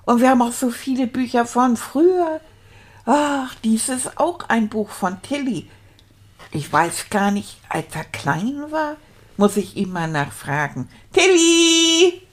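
A woman's voice: on the high side, expressive, unhurried, a little mellow. A woman voicing an eager, childlike male character who stumbles through a storybook, sounding out hard words syllable by syllable. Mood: chatty. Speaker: storyteller reading aloud. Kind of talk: children's show reading.

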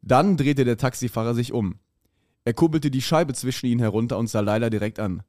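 A man's voice: mid-range voice, brisk, a little mellow, no echo, studio quality. A podcast co-host reading his own story aloud in a hammy, dramatic way.

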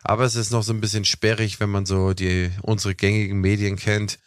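A man's voice: fairly low pitch, level tone, a little fast, clear, resonant tone, no room sound, clean studio sound. A young man hosting a casual talk show, explaining at length with lots of "ne?" fillers. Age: young adult. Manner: chatty, explanatory, with fillers like "ne?" and "was weiß ich". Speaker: podcast host.

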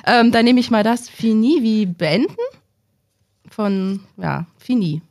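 A woman's voice: a little high, lively intonation, takes it slowly, darkish tone. A woman hosting a podcast who plays a curious student and thinks aloud while guessing answers. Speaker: podcast host. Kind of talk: podcast interview.

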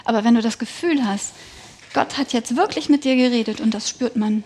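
A woman's voice: a little high, brisk, darkish tone, slight background noise. A woman speaking in a slightly raised register, earnest and emphatic as she recounts her own experience. She talks as an interview guest, giving a personal testimony of faith in a conversational tone.

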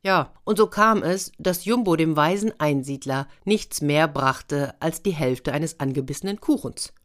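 A woman storyteller with a low-pitched voice reads a children's tale aloud. She is lively and speaks directly to her young listeners. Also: measured pace.

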